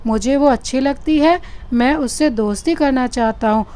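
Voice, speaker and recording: A woman's voice: high voice, normal speed, mellow, clean tone, natural voice. A woman doing a meek young student. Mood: pleading. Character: young male student, meek and easily cowed.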